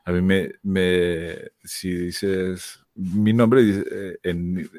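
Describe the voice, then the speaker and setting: A young man, telling a story hesitantly in casual podcast chat and filling gaps with "eh." His voice sits low. The recording is dry and close. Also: little pitch movement, extremely slow, a little mellow, dry recording. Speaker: podcast co-host.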